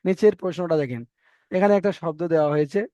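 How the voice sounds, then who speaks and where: A man's voice: on the high side, quick pace, dark tone, no room sound. A man teaching Quran reading in an online class, patiently repeating rules and correcting his students. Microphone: video call. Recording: dull dry online call audio.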